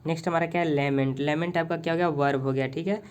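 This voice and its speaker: A man's voice: a little high, fairly even intonation, smooth. Man teaching vocabulary in Hindi, hesitant. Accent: Indian Hindi. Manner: repeats "ठीक है" constantly, asks and answers own questions; pauses to search for words, hesitant fillers. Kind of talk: casual Hindi vocabulary lesson. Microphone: phone on tripod with mic.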